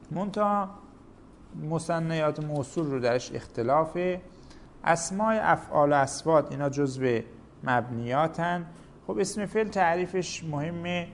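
Guy teaching a grammar lesson, lists rules with examples, bit of hiss behind. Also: medium pitch.

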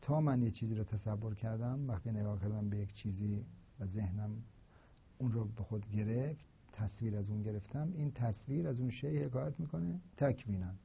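Man, husky voice, philosophy lecture, slow deliberate explaining, dull lo-fi recording. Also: fairly low pitch.

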